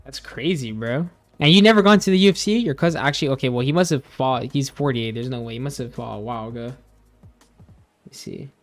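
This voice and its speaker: A man's voice: mid-range voice, fast talker, faint music behind. A young man streaming a game, chatting casually with viewers in a rambling, laid-back way, full of fillers and restarts. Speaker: gaming streamer. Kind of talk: casual chat while gaming, reading chat.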